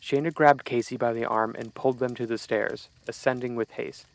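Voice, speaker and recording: A man reading a scripted horror story in a steady, measured storytelling way. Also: medium pitch, creaky, poor audio. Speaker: narrator.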